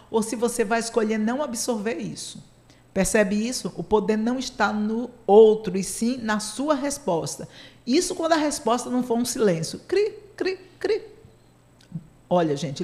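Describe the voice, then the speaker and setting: A woman's voice: medium pitch, darkish tone. A woman, a psychotherapist hosting a casual radio talk, chatty and playfully sarcastic, laughing often.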